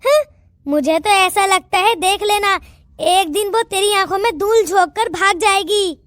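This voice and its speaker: A woman voicing a sharp-tongued, suspicious old grandmother in a cartoon, talking in a scolding, taunting way. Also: very high-pitched, unhurried, no room sound, studio quality.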